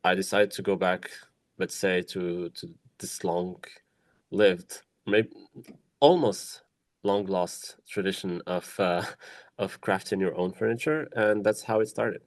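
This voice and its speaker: A young man from Morocco, a woodworker, speaking thoughtfully in a documentary interview, with many pauses, fillers and restarts. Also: sits low, steady tone, dry recording. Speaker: woodworker and small business founder.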